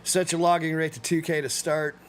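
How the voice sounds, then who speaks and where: A man's voice: on the high side, little pitch movement, a little fast, slight background noise. A man hosting a casual livestream show, laughing often, swearing freely and rambling through his sign-off. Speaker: podcast host.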